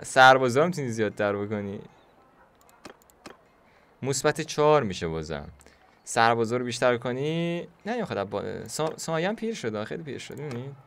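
A young man casually commentating a video game he plays, joking, chatting to the game characters and sometimes bursting into shouts. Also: mid-range voice. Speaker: gaming YouTuber. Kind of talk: casual Let's Play commentary.

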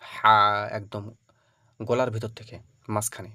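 A man teaching the Arabic alphabet for Quran reading. He calls out each letter loud and drawn out, then explains it softly, checking in with his listeners after every point. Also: on the low side, a little fast, no room sound, studio quality. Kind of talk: Arabic alphabet pronunciation lesson.

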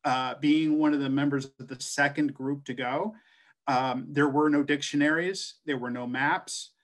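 A middle-aged translator and scholar from the American West addresses a webcam in a personal video-call talk. His slightly high voice holds a steady tone at moderate speed, and he speaks like an earnest storyteller, restarting frequently and saying "uh" a lot.

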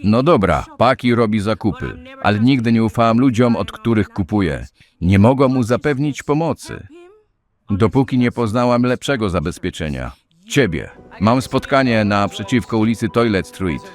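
Man reading a tough woman drug boss, low voice, businesslike. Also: lively intonation, moderate pace, lightly acted. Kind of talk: Polish voice-over reading of game scenes.

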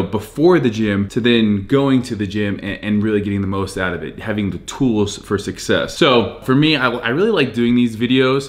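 Fitness vlogger, 30s male, punchy and repetitive, filmed close in a small room. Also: on the low side. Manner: energetic, emphatic, repeats key phrases. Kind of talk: casual motivational talk to camera.

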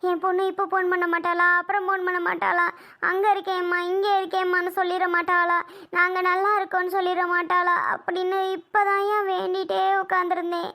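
Woman playing a worried village mother, very high voice, bright tone, emotional, pleading. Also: monotone, fairly quick, exaggerated voice. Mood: pleading, tearful. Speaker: mother-in-law. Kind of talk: family skit acting.

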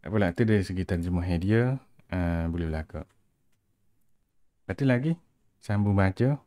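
A low-voiced man with a Kelantanese Malay accent tutors a student informally. He speaks as a teacher guiding a lesson, recorded close and dry. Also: normal speed, dark tone, dry recording. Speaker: Arabic grammar teacher. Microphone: headset.

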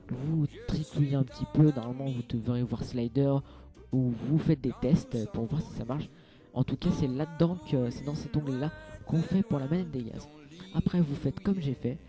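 Dark-voiced young man explaining a game. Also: mid-range voice. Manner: hesitant, many fillers and restarts. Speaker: game tutorial maker. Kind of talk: casual screen-capture tutorial.

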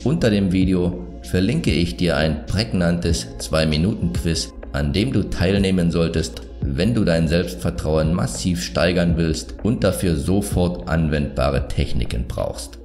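A man narrating a scripted self-improvement video, giving advice in a calm, measured, self-assured way. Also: deep voice, faint music behind.

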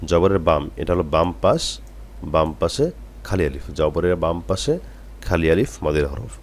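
Low-voiced patient teacher. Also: male voice, expressive, a little hiss or hum. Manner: patient and repetitive, drilling syllables slowly. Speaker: Quran reading teacher. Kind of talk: step-by-step recitation lesson.

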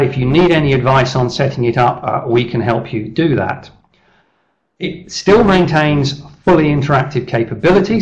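Measured middle-aged man pitching a service. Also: poor audio. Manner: measured, persuasive, steady pitch with restarts. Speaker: leadership speaker presenting his service. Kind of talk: business presentation over slides. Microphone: webcam video call.

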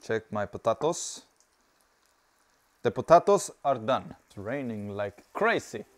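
His voice is on the low side, sing-song and unhurried: a man in his thirties with a Swedish accent hosting a casual cooking video. Wearing a lapel mic in a home kitchen whose garden door stands open, he chats cheerfully while working with food.

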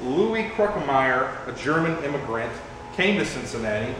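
In this auction preview, a young male host moves through a warehouse showroom, showing off the items one after another with an upbeat attitude. His medium-pitched voice has lively intonation and a moderate pace, set against a noisy background in an echoey room with faint ambience.

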